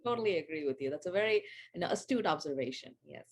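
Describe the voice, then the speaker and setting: A Sri Lankan woman in her forties, an AI education founder, chats as a guest in a casual video-call interview. Her voice is low, breathy-edged and fast with lively intonation, and she uses lots of fillers and restarts.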